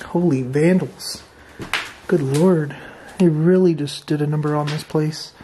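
Man, urban explorer vlog, excited remarks, mellow voice, faint hiss. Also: on the high side, measured pace. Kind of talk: walkthrough vlog narration. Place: abandoned stone farmhouse, indoors.

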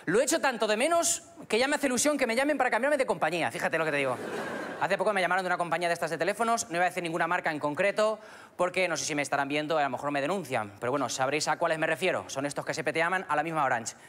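A man's voice: a little high, very fast. A man from Albacete with a Spanish accent doing stand-up comedy on a club stage, chatty and often asking the audience questions. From Spain. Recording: live club recording with crowd noise.

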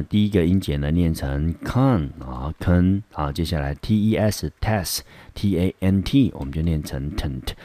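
A very deep, dark male voice with a Taiwanese Mandarin accent, teaching English words in a patient, explaining way. The recording is close and dry, with no room sound. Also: no room sound. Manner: explains patiently, often starting with "好". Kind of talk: classroom vocabulary lesson.

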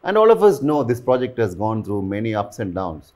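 A man with a lowish, slightly mellow voice hosts a promotional interview briskly, his pitch swinging widely. He is an aerospace and defense journalist, earnest and full of "you know" fillers, recorded indoors in a living room.

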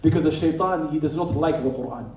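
Man, religious lecturer, fairly high voice, mellow tone, emphatic, rhetorical questions. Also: fast, a little hiss or hum. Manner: emphatic, repeats key phrases, rhetorical questions. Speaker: Islamic teacher. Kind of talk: lecture to a live audience. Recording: roomy hall, speaker far from the mic.

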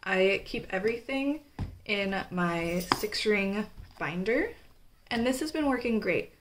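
A woman's voice: mid-range voice, animated, measured pace, background noise. A young woman from Canada chatting casually through a stationery haul, with frequent filler words. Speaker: stationery vlogger. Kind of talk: casual show-and-tell.

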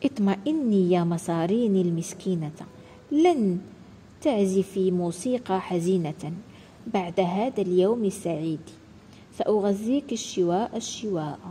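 A ravenous storybook wolf, boastful and eager, whose voice jumps high when he gets excited, as a woman reading the tale puts him on. The tone is mellow and soft-edged, with a faint hiss behind it. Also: moderate pace, big-room sound, close to an everyday voice. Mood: gleeful. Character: hungry greedy male wolf, boastful and eager.

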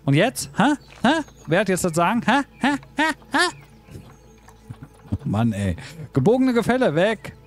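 A man's voice: high-pitched, wildly swooping pitch, measured pace, pauses often, soft background music. A man giving casual gameplay commentary, talking to himself in a puzzled, joking way. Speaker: let's play commentator.

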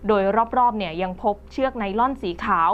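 A woman's voice: fairly high pitch, a little fast. A woman presenting the news in a conversational reading style, with frequent polite particles. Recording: slightly dull recording with faint music behind.

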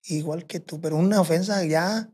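Husky Sinaloan man telling a rowdy story. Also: a little high, moderate pace, a little mellow. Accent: Sinaloan Mexican Spanish. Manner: rambling, profane, quotes himself and others. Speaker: podcast guest. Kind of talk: casual storytelling.

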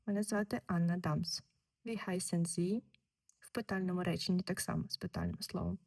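A woman teaching German, explaining textbook exercises slowly and repeating each word. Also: on the low side, darkish tone. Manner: slow, deliberate, repeats words.

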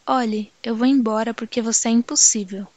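A man's voice: very high-pitched, steady tone, moderate pace, darkish tone, no echo. A woman reading an impatient boastful young man. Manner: impatient, dismissive. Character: boastful young male northeastern metalworker, impatient.

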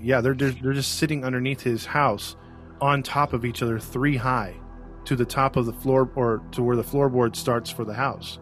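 A man's voice: mid-range voice, steady tone, moderate pace, soft background music. A man co-hosting a true-crime podcast, telling the case in a chatty, rambling way with many restarts. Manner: chatty storyteller, fillers and restarts. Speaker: podcast co-host. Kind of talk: casual true-crime chat.

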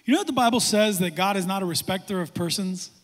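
Man, pastor, sermon, animated, high voice, long hall echo. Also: quick pace. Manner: animated, swings from quiet to loud exclamations. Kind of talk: sermon to young adults.

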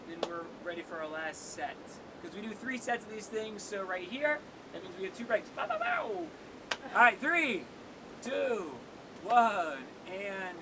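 A young man hosting an outdoor workout, joking and counting down for viewers in a seaside cave. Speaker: workout host. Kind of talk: casual workout coaching. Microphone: camera on tripod at a distance. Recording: noisy outdoor recording with wave rumble.

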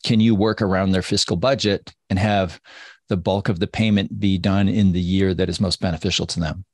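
A man hosting a business webinar, answering audience questions in a relaxed, conversational way with playful asides. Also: sits low, a little fast, no echo, studio quality. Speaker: webinar host and sales consultant.

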